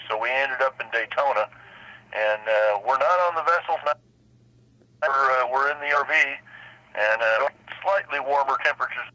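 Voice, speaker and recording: A man's voice: medium pitch, bright, forceful tone, no echo. A man checking into an amateur radio net over a ham radio link, chatting casually and signing off with call signs and procedure words. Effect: heard over a ham radio link. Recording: lo-fi radio transmission.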